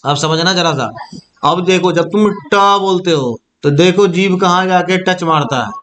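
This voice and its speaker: This is a Hindi grammar lesson in classroom style, taught by a young man whose high voice is fairly bright and unhurried. He says each sound out loud to show it and keeps making sure his students understand.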